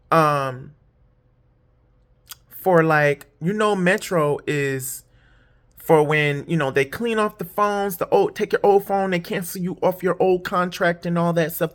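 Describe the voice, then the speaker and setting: Rambling, candid woman telling a story. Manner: rambling and candid, swears freely, repeats fillers; jumps high when quoting others. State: tired, yawning. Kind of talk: casual storytime monologue.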